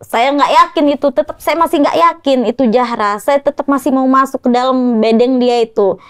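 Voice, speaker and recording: A woman's voice: high voice, normal speed, smooth, no echo. Woman, interview guest, recounting events, short clipped phrases, quoting others, dry room. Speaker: guest, mother of the victim.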